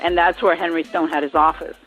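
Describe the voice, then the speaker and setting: A woman's voice: fairly low pitch, little pitch movement, brisk, fairly bright tone, soft background music. A woman guest singer telling stories in a casual interview, laughing often and acting out the voices of people she quotes. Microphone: phone line. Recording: tinny phone line.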